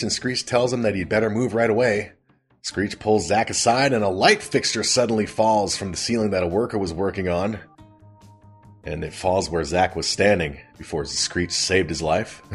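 Chatty man recapping a sitcom, husky. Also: lowish voice. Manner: laughs often, chatty and amused. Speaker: podcast host recapping a sitcom. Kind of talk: casual recap.

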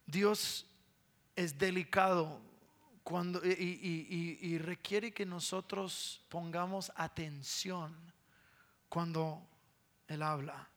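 A man's voice: a little high, fairly even intonation, slow, a bit bright. A man in his thirties preaching a sermon, telling a conversational story with repeated words and playful sound imitations.

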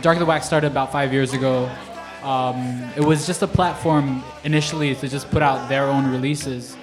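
An easygoing male DJ from Singapore talks about his music in a relaxed way. Clear music plays behind him during a live bar broadcast. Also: mid-range voice, normal speed. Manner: easygoing, relaxed storytelling with fillers. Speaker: DJ guest. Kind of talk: casual interview chat. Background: music playing.

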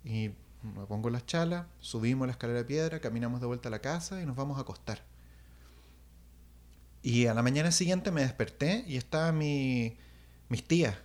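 A young man telling a personal story in casual chat, animated and acting out sounds. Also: medium pitch, moderate pace. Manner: animated, acts out voices and sounds, restarts.

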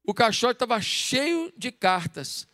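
A man's voice: extremely high pitch, sing-song, takes it slowly, bright, forceful tone, no room sound, studio quality. A man with a Brazilian Portuguese accent preaching a sermon, emphatic and firing off rhetorical questions at the congregation. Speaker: pastor.

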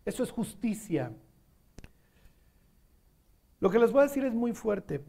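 A man's voice: extremely high pitch, very animated, a little slow, creaky, warm tone. A man with a Mexican accent preaching a sermon, talking conversationally and often checking whether the audience follows. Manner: conversational, asks the audience questions.

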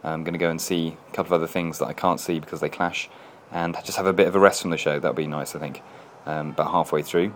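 Low-voiced upbeat chatty man. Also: fairly even intonation, fast, slight background noise. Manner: chatty and upbeat, rambling with fillers. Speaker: stand-up comedian. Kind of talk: casual video diary. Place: festival courtyard, outdoors.

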